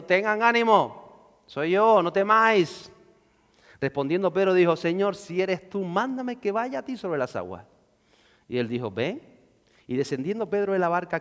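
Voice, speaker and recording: A man preaching a sermon who swings from loud shouts to hushed lows and acts out the voices of the figures he reads about. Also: long reverb tail. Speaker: pastor.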